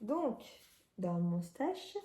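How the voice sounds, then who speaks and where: A woman's voice: mid-range voice, big pitch swings, very slow, dark tone, echoey room. A woman from France chatting casually about her knitting at home, with lots of hesitations and fillers. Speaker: knitting vlogger. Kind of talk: casual chat. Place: at home indoors, near a window shutter.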